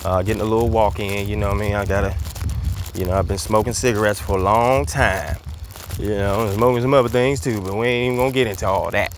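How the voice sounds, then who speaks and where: A man's voice: fairly low pitch, steady tone, fast, slight background noise. A man hosting a casual commentary monologue, slightly out of breath as he walks outdoors, talking in a loose, emphatic way with lots of fillers and repeated words. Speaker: commentary host. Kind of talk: casual monologue while walking. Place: outdoors, walking.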